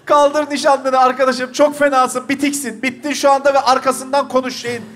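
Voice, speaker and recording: A man with a very high voice runs an improvised comedy scene from the stage. He barks cues, counts down and laughs between orders. A faint studio audience murmurs behind him. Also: flat delivery, moderate pace, a crowd in the background. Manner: bossy, laughing, shouting cues. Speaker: host directing an improv scene.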